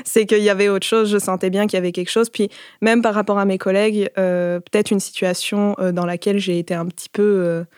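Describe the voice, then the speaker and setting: A woman recounts her experiences in a loose, conversational way, full of fillers and slangy asides. Her voice sits at a middle pitch. The recording is dry and close. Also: level tone, fairly quick, darkish tone, smooth, dry recording. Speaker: interviewee. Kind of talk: casual personal testimony.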